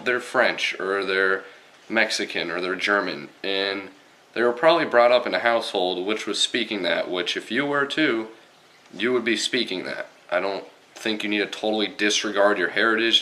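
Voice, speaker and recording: A man's voice: deep voice, bright, forceful tone. A young man ranting casually to camera, exasperated and swearing a lot, with many fillers. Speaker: vlogger.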